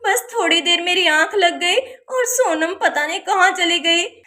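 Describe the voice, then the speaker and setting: A woman's voice: extremely high pitch, lively intonation, measured pace, pushed and bright, heavily acted. A woman doing a pleading young village aunt. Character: young aunt, worried and apologetic.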